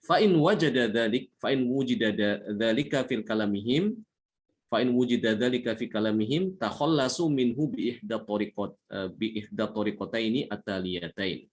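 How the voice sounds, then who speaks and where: A man teaching a tajwid lesson, explaining patiently, repeating points and slowly chanting Arabic examples. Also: medium pitch, animated. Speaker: Quran recitation teacher.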